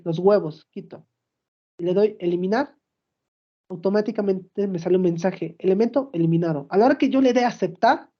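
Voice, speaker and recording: A woman's voice: mid-range voice, muffled recording. A woman explaining a database app step by step in a screen-recorded demo, checking in with her audience as she goes. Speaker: student presenting a project.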